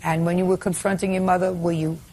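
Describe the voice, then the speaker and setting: A woman's voice: lowish voice, level tone, fast. A woman presiding as a television judge, firing pointed and sarcastic questions at a witness. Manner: sharp, pointed and sarcastic cross-examining. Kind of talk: courtroom questioning.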